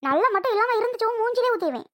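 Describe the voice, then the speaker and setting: A voice actor doing a bossy sharp-tongued bride. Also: very high voice, expressive, rapid-fire, heavily acted. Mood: scornful. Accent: Tirunelveli Tamil. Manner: taunting, bossy. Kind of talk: cartoon voice acting.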